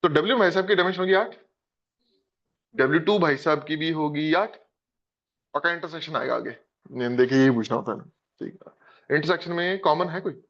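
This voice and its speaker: A man's voice: on the high side, fairly quick, long pauses. A man with an Indian accent teaching math, going over a test with students in an encouraging way. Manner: lively, encouraging, addresses students as beta. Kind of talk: discussing a test in class. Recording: dull lo-fi classroom recording.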